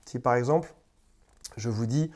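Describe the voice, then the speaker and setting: A man coaching his viewers directly, his voice sitting at an ordinary middle pitch. He talks informally and conversationally, repeating words as he goes and now and then slipping into short quoted exchanges. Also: normal speed, darkish tone. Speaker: relationship coach. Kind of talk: direct-to-camera coaching advice.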